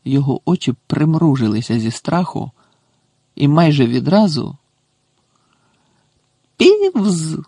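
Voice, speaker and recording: A man narrating an audiobook in a measured, dramatic reading. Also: mid-range voice, dark tone, husky, dry recording, clean studio sound.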